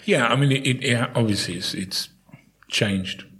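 An older English man with a husky voice, telling casual anecdotes in a chatty, jovial way as a podcast guest. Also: mid-range voice, moderate pace, a bit bright. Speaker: podcast guest, town crier and historical guide.

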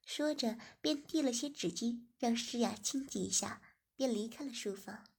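A woman narrates a story in a slightly high, breathy voice. She reads evenly and unhurriedly, and sometimes slips into a soft whisper. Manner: even, unhurried reading, dropping into a whisper.

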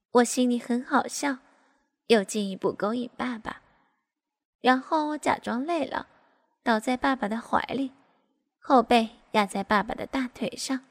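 A woman reading a first-person story aloud at a smooth, even pace. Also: fairly high pitch.

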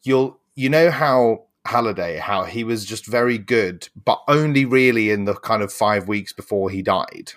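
Young guy rambling thru a chat, low-ish voice, swears a lot. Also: normal speed, hardly any pauses, fairly bright tone. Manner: rambling, swears casually, laughs often. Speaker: podcast co-host. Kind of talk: casual chat.

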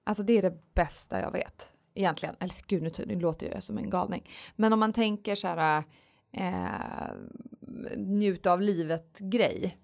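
Female podcast co-host: mid-pitched, lively, rambling and chatty. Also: gravelly. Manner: lively and rambling, many fillers. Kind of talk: casual chat. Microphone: studio podcast mic.

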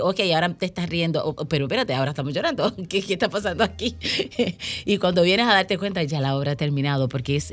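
A woman guest on a radio interview, speaking earnestly and acting out the voices of the people in her stories. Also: sits low. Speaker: guest promoting a stage play.

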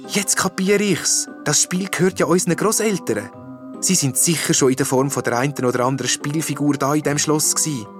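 A man voicing a caring young princess girl, earnest and lively, in a storybook reading. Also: high voice, normal speed, faint music behind, pitched above the performer's own voice.

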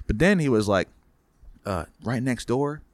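Guy, podcast co-host, mid-pitched, dry close mic, loose and profane storyteller. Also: animated, a little slow, dry recording. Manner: rambling, profane, restarts a lot. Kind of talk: casual storytelling chat.

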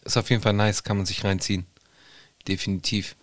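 A man's voice: on the low side, flat delivery, a little fast, no echo. A man reacting in a laid-back, joking way as co-host of a casual podcast.

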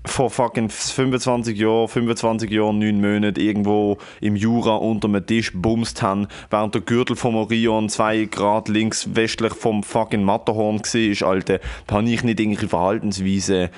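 A man's voice: lowish voice, level tone, moderate pace, hardly any pauses, a little mellow, clean tone. A man, co-hosting a casual podcast, ranting brashly and swearing often. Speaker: podcast co-host. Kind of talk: casual chat.

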